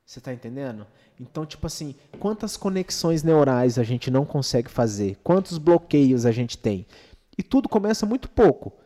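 With a mellow, medium-pitched voice that swings widely in pitch, a man with a Brazilian accent chats casually at normal speed on a podcast. He is opinionated and slangy, full of rhetorical questions checking in with the listener, and the room around him is reverberant, like a hall.

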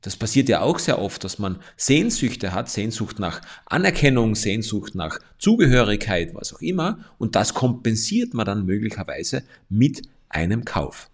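Husky German-speaking coach, lively pitch. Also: male voice, moderate pace, few pauses. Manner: addresses the listener directly, calm and explanatory. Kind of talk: motivational coaching monologue.

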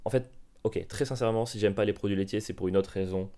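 A man in his thirties hosting a comedy podcast, telling absurd stories in a deadpan way with provocative asides. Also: fairly low pitch, fast. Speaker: podcast host.

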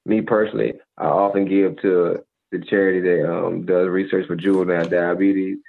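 A very deep-voiced man holds forth on a podcast in a preachy, laid-back way. He leans on "you feel me" constantly. His voice comes through a thin, phone-like band. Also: level tone, normal speed, vocal fry. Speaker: podcast co-host. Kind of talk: casual advice monologue. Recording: tinny phone-like audio.

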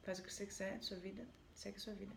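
Brief: a lonely, wheedling fisherman, as a woman storyteller puts him on, soft and hushed, in a roomy space. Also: medium pitch, level tone, rapid-fire, vocal fry, heavy background noise, pitched below the performer's own voice, lightly acted. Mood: coaxing. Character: lonely, coaxing male fisherman.

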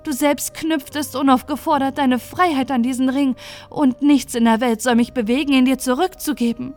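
A woman's voice: fairly high pitch, normal speed, dark tone, close to an everyday voice. A woman voicing a lovelorn, proud female river nymph in a fairy tale audiobook, speaking fervently and declaiming. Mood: furious.

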